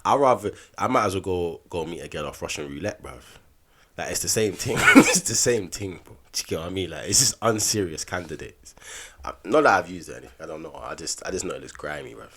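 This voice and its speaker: A man's voice: deep voice, lively intonation, fast, a bit bright, slightly rough. A man with a London accent and slangy roadman speech, bluntly giving his opinions in casual podcast banter. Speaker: podcast host.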